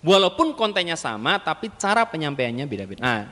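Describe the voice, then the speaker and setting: A man delivers a humorous sermon. He teases and jokes with the audience. His voice sits high and rings out in a large hall with a long reverb tail. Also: big pitch swings, fast, pushed and bright. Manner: joking, playful, teasing the audience. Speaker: Islamic preacher.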